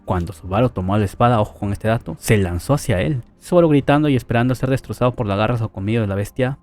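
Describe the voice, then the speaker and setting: A man's voice: fairly low pitch, darkish tone. A man casually retelling an anime light-novel story, with chatty asides to the viewer.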